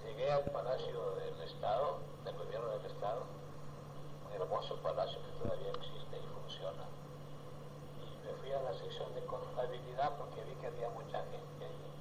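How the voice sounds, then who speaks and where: An older man from El Salvador, recounting his life in a rambling, halting way and acting out dialogue. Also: mid-range voice. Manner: rambling, halting with many restarts, acts out dialogue. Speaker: interviewee. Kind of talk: oral history storytelling. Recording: roomy with noticeable background noise.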